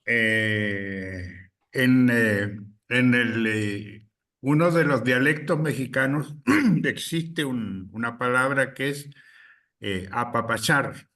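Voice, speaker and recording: A man from Chile, a guest speaker, giving a deliberate political talk with many pauses and fillers. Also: medium pitch, sharp tone, recorded from a distance.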